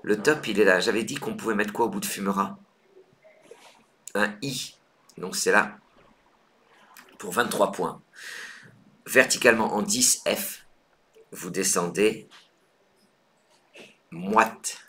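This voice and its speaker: A man with a very low voice hosts a live Scrabble lesson for beginners. He explains each move patiently, thinking aloud and pausing on fillers as he goes. His tone is that of a teacher walking learners through the board. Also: a bit bright. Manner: counts points aloud briskly. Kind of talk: live online game lesson.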